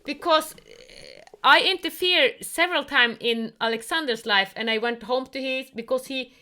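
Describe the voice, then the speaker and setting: Lady host, high bright voice, earnest spiritual talk, halting english. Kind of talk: casual conversation. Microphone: online call.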